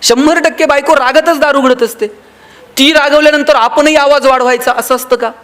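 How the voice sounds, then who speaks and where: Male motivational speaker, high voice, humorous storyteller who plays the characters and talks to the crowd. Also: steady tone, fairly quick, a bit bright. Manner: storytelling, acts out quoted voices, addresses audience members by name. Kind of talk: humorous motivational speech to a live audience.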